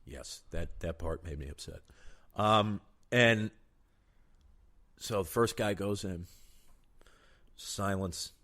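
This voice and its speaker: A man's voice: low voice, slow, pauses often, fairly bright tone. A young man casually telling jokes to a friend and laughing at his own punchlines. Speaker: comedian trading jokes. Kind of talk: casual joke-telling chat.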